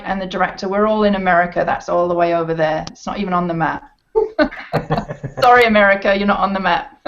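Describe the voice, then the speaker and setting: A woman's voice: medium pitch, creaky, slight background noise. A woman playwright chatting over a video call, friendly and a little apologetic. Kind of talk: casual chat. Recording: dull lo-fi video call audio.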